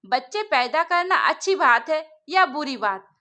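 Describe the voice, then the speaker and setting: A woman voicing a young, outspoken newlywed wife who argues calmly and firmly in a storybook. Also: high voice, a little slow, heavily acted. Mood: reasoning. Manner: calmly reasoning, firm.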